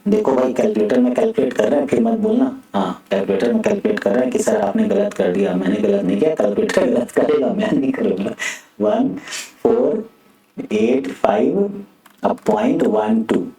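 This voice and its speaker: A man's voice: lowish voice, very animated, normal speed, mellow. A man teaching an exam-prep maths lecture in a chatty way, with joking asides as he works through problems. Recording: echoey room, far from mic.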